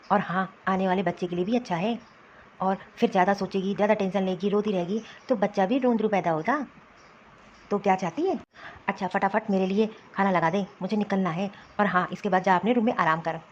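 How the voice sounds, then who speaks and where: A woman's voice: mid-range voice, brisk, lo-fi sound, slight background noise, natural voice. A woman voicing a young out-of-work husband in a cartoon, soothing his wife and then ordering her to cook. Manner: reassuring then ordering about. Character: young jobless husband, soothing but bossy. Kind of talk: Hindi cartoon voice acting.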